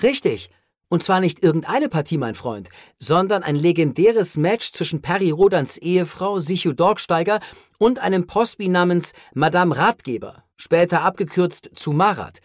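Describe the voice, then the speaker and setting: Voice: medium pitch, expressive, normal speed, no echo, clean studio sound, pitched above the performer's own voice, close to an everyday voice. A narrator voicing a knowledgeable man who lectures emphatically, in an audiobook reading. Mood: explaining.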